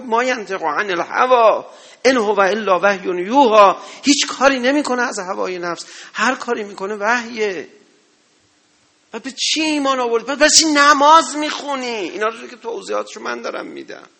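A man preaching a sermon to a gathering, impassioned, swinging between loud exhortation and low murmurs. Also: vocal fry. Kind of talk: religious sermon.

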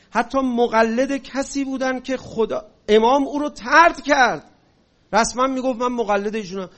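A man with a notably high voice delivers an impassioned religious and political lecture. His steady explanations keep building into forceful, raised passages to hammer his points home. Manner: rises to forceful shouting on key points. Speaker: speaker.

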